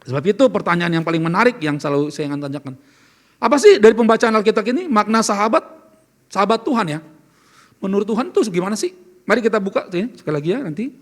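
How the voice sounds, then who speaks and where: A man's voice: high-pitched, big pitch swings, fast. A man preaching a sermon as pastor, earnest and questioning, asking the congregation questions as he speaks. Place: church service.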